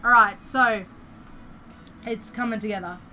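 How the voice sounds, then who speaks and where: A woman's voice: a little high, a little slow, pushed and bright, slight background noise, low-quality recording. A young Australian woman chatting casually and playfully as she streams a building game, rambling through her thoughts.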